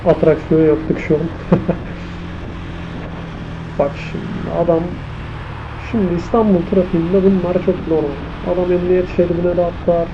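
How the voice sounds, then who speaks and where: A slightly high-voiced man vlogs from his motorcycle, casually thinking aloud and remarking on the traffic. His microphone sits inside the helmet, so he sounds muffled, with loud wind, engine and traffic noise around him.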